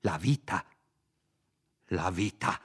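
Man doing a peevish old priest, grumbling, anxious, deep, unhurried. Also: lively intonation, fairly bright tone, breathy edge, full character voice. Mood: fretful. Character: timid fretful old village priest, man.

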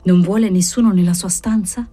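A woman's voice: on the low side, fairly even intonation, fairly quick, faint music behind, lightly acted. Audiobook: proud old father, angry and wounded, read by a woman. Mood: suspicious. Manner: shouting, indignant. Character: old grieving marquis, proud and exasperated father.

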